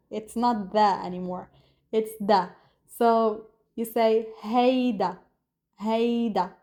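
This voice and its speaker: A woman's voice: medium pitch, a little mellow. A woman from Lebanon with a Lebanese accent, teaching a beginner language lesson, patiently explaining and repeating words for learners to copy. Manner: addresses viewers as "guys". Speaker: Arabic teacher.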